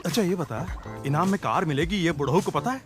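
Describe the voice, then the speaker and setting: A high, bouncing voice belongs to a scheming man who gets excited and exclaims at every turn, as a man plays him. It is a Hindi film dub. Loud score fills the background. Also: brisk, natural voice. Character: excitable schemer dreaming of quick money. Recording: film soundtrack with loud music.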